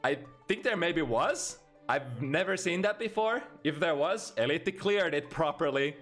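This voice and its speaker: A man commentating a fighting game tournament, excitable, his voice jumping high at the big moments. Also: unhurried. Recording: game music behind commentary. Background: game music.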